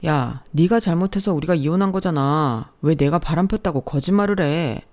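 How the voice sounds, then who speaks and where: A woman's voice: sits low, expressive, fairly quick, dark tone. A woman voicing a blustering ex-husband who talks in a demanding, accusing way.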